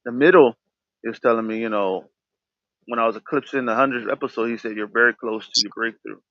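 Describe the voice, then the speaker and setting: A man hosting his own podcast talks candidly about himself, stuttering and frequently restarting his words. His medium-pitched voice is fairly quick, with no room sound, in a dull, dry, lo-fi recording.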